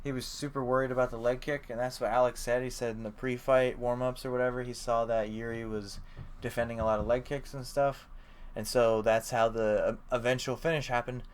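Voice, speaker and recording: A young man co-hosting a sports podcast chats casually and rambles, dropping lots of fillers and the occasional swear word. His mid-range voice is brisk and barely shifts in pitch.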